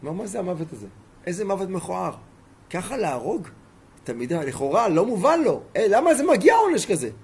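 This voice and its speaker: A man's voice: high voice, very animated, vocal fry, darkish tone, slightly rough. A man teaching a Torah lesson as a rabbi, telling stories emphatically and throwing rhetorical questions at his listeners.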